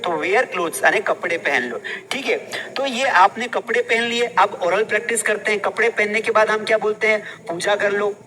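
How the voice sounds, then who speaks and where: A man's voice: high-pitched, normal speed, few pauses, sharp tone, a little hiss or hum, poor audio. A man teaching English phrases in a casual classroom style, quizzing his listeners with repeated questions.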